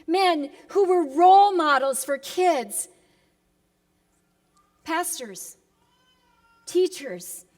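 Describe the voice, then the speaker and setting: The echoing hall gives long reverb to a high-pitched woman preacher's reflective sermon. Solemn and dramatic, she speaks deliberately with emphatic pauses, sliding between a hush and impassioned fervor.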